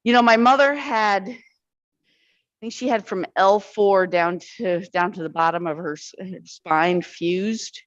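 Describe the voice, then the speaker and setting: A woman's voice: medium pitch, measured pace, no room sound, dull audio. A woman instructor leading an arthritis exercise class, counting reps aloud and encouraging the group.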